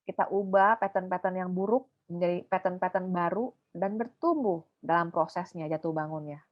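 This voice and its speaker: A woman giving an animated, emphatic talk to a youth group over a video call, teasing herself playfully. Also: on the low side, moderate pace, muffled recording, faint music behind. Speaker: youth speaker. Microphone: video call mic.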